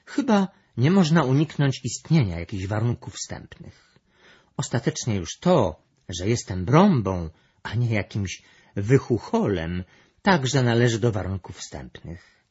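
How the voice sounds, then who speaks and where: A man's voice: mid-range voice, big pitch swings, unhurried, darkish tone, breathy edge, voice pushed up, heavily acted. Brąba, a man voicing a pondering female creature. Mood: reflective. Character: calm, thoughtful female storybook creature. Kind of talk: storybook reading. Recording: dull lo-fi recording.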